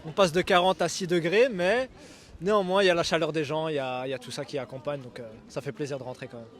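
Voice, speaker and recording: A man's voice: on the high side, steady tone, fast. Upbeat man from Brussels, rambling. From Brussels, Belgium. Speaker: interviewee, visitor. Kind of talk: casual street interview.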